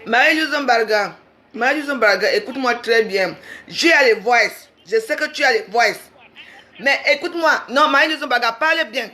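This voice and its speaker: A woman's voice: fairly high pitch, animated, moderate pace, pushed and bright. A woman in a heated livestream rant, confrontational and repeating herself insistently. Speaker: social media livestreamer.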